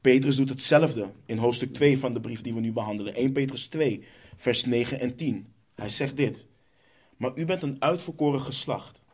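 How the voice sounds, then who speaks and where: A man's voice: mid-range voice, normal speed, a little mellow, breathy edge. A man preaching a sermon, reading Bible verses aloud and answering his own rhetorical questions.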